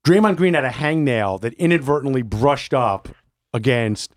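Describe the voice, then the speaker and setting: A man co-hosting a casual sports talk show, animated and mock-outraged, often laughing. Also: mid-range voice, normal speed. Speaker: co-host.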